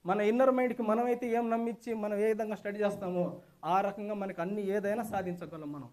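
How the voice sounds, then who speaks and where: Brief: man, high and fast, emphatic testimonial at a hotel seminar. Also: steady tone, a little mellow. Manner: enthusiastic, repetitive, emphatic. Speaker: seminar participant giving a testimonial. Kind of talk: standing testimonial speech to a class. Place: hotel meeting hall.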